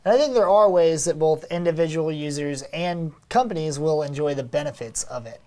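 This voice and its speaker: A woman co-hosting a live web show, speaking in a low voice for a woman. She talks in a loose, conversational way and leans on small fillers as she gives her opinions. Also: a little fast, warm tone. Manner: conversational, fillers like "you know" and "um". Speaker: co-host of a social media show. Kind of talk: live web broadcast, casual discussion.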